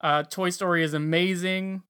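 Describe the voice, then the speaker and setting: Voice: mid-range voice, fairly even intonation, normal speed, fairly bright tone, clear, resonant tone. A podcast co-host chatting casually and fondly about games, with a dash of sarcasm. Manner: enthusiastic, fond, a bit sarcastic. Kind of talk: casual gaming podcast chat.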